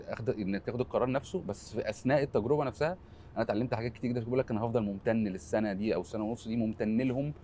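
A man's voice: medium pitch, darkish tone, slight background noise. An Egyptian man in his forties with an Egyptian Arabic accent, a film editor speaking earnestly as an interview guest, often trailing off into repeated fillers. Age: 40s. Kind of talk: candid interview conversation.

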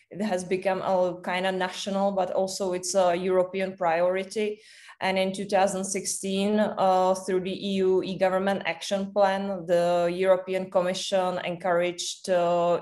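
A young adult woman from the Czech Republic with a Czech accent, giving a webinar presentation on a video call and pausing often with fillers. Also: fairly low pitch, darkish tone. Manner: hesitant, many "uh" fillers. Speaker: think tank director presenting. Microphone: webcam on a video call.

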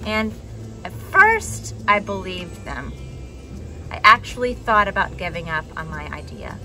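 A young adult woman reading a children's picture book aloud expressively, with dramatic pauses and emphasis. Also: mid-range voice, expressive, bright, forceful tone, faint music behind. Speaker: storybook reader for a children's church message. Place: outdoors on a wooden deck among trees.

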